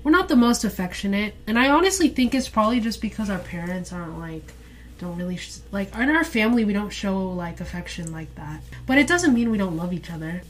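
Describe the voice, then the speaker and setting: A woman's voice: mid-range voice, animated, a little fast. A young woman hosting a podcast in casual chat, a teasing storyteller who laughs often. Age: young adult. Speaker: podcast host.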